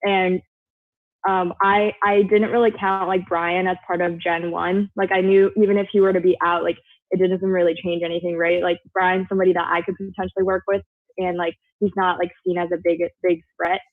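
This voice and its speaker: A woman's voice: lowish voice, level tone, brisk, dry recording. Woman on a video call, rambly, keeps saying like, phone-quality audio. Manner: rambling, heavy use of "like". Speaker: former contestant. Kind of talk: casual video call chat.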